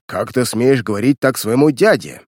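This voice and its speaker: A man's voice: mid-range voice, very animated, normal speed, no room sound, studio quality, lightly acted. A man putting on a blustering villainous uncle. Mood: mocking. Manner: mocking, indignant outbursts. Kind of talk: audiobook reading.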